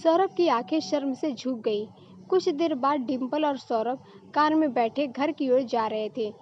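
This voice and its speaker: A woman narrating a story in a steady, plain telling style. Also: high-pitched, a little slow, lo-fi sound, slight background noise.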